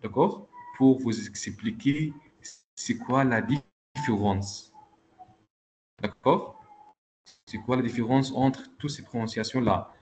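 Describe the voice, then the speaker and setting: A man's voice: medium pitch, takes it slowly, darkish tone, a little hiss or hum. Patient male teacher on a video call. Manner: patient, repeats checks like "ok?" and "d'accord?". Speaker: Arabic teacher. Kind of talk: online class teaching.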